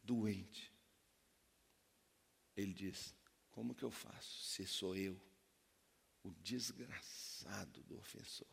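An anguished man pours out a shameful confession in desperate, broken pleas, as a preacher puts him on. The voice is deeply gravelly and husky. It rings out with a long echo in a hall. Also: takes it slowly, pauses often, heavily acted. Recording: reverberant hall.

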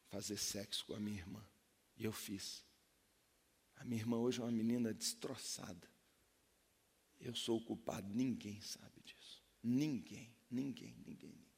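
A preacher voicing an anguished man who pleads and confesses a shameful sin in a broken, desperate way, with a raspy, gravelly voice in a reverberant hall. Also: on the low side, darkish tone.

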